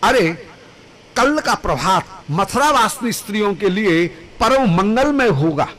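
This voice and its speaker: A male devotional storyteller preaching a sermon, chanting Sanskrit verses with drawn-out, emotive phrasing. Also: high voice, expressive, a bit bright, poor audio.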